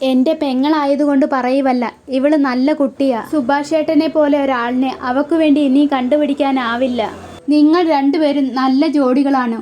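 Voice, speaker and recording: A woman's voice: sits high, warm tone, close to an everyday voice. A woman reading the part of an earnest young man who keeps urging a close friend and argues his case persuasively.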